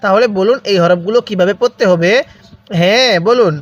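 High-voiced teacher spelling out recitation. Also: male voice, fairly quick, muffled recording. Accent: Bangladeshi Bengali. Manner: spells letters and vowel marks one by one, has the viewer repeat along. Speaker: Quran reading teacher. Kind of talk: slow spelled-out recitation lesson.

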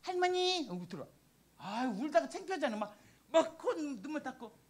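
A woman in her sixties, a missionary preacher giving a sermon testimony in a church, telling her story in an animated, emotional way. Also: high-pitched, normal speed, breathy edge. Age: 60s. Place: church sanctuary.

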